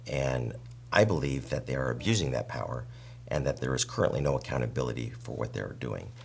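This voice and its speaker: Man, extremely low pitch, creaky gravelly voice, frank and deliberate interviewer, politely challenging. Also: animated. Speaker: interviewer representing department members. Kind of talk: interview questioning with long statements. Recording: clear background noise and hum.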